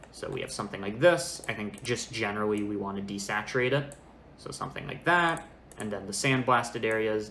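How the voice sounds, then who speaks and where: A young man in his twenties giving a casual software tutorial, thinking aloud informally as he works. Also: lowish voice. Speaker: tutorial presenter. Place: small indoor room. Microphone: makeshift microphone, not the usual good one. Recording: echoey room, fan noise, lesser microphone. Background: fan noise, computer keyboard.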